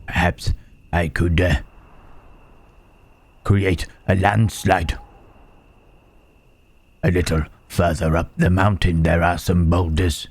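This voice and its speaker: A man playing Frankenstein's monster in an ASMR roleplay, a gentle, melancholy reanimated creature who speaks in a hushed, halting, formal way. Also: deep voice, little pitch movement, no echo, heavily acted. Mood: hesitant, thoughtful.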